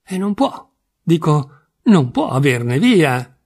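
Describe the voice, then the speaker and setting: A man's voice: fairly high pitch, big pitch swings, slow, darkish tone, breathy edge, heavily acted. A man reading a story aloud, voicing an anxious, agitated wife who stammers and insists. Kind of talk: literary audiobook reading.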